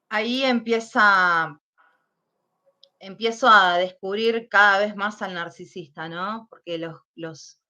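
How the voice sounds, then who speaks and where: Slow-spoken Argentine woman giving testimony. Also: on the low side, pushed and bright. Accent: Argentine Spanish. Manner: slow and hesitant, recalling painful events. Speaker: interview guest. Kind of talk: personal testimony in an interview. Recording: dull lo-fi sound.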